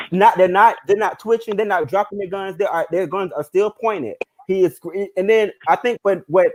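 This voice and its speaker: A man in a casual group discussion, retelling something earnestly and haltingly, often restarting. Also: high voice, low-quality recording.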